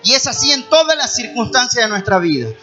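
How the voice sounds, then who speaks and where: A man's voice: extremely high pitch, very animated, fairly quick, lo-fi sound, over music. A man preaching a sermon as pastor, questioning his listeners with passion. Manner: impassioned preaching with rhetorical questions.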